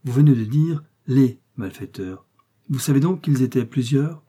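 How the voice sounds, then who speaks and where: A man reading aloud, voicing a calm, shrewd detective who questions precisely and insistently. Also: mid-range voice, moderate pace, breathy edge, lightly acted. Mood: probing. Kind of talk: audiobook reading.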